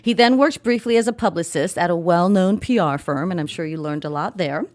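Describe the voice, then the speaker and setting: A woman from Haiti hosting an interview as a plastic surgeon, effusive and quick to laugh. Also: fairly low pitch, darkish tone. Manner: effusive, laughs often, reads bullet points.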